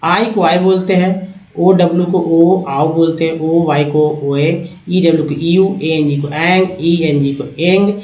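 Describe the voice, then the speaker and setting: A man teaching English pronunciation, chanting letter names and the sounds they make in a quick repetitive drill. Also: a little high, fairly even intonation, darkish tone, highs cut off, a little hiss or hum. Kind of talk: spelling drill lesson. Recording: echoey room.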